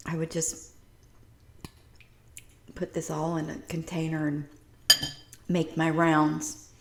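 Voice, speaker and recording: A woman with a low voice chats casually between bites, savoring her food. Her voice carries a roomy kitchen echo, and dishes and cutlery clink behind her. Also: background noise. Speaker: vlogger. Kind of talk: casual chat while eating. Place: home kitchen.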